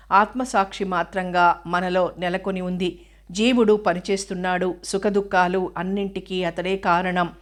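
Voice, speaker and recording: Woman reading scripture commentary. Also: on the low side. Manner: measured, explanatory reading with rhetorical questions. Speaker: spiritual commentator.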